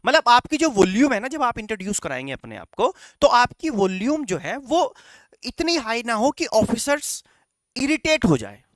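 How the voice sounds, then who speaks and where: A man teaching a class of students, with a very animated voice that swings up and down as he makes his points. He drops English phrases into his speech and keeps checking in with the class. The recording is dry, with no room sound. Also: extremely high pitch, normal speed, dry recording. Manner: instructive, repeats "right?" and "चलेगा" to check in; mixes English phrases into Hindi. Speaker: coaching teacher. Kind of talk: classroom lecture.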